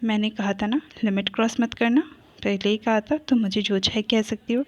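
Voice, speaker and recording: A woman voicing a calm, stern mother who speaks quietly and coldly, with her voice dropped lower. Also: a little fast, muffled recording, close to an everyday voice. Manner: quiet, cold, controlled.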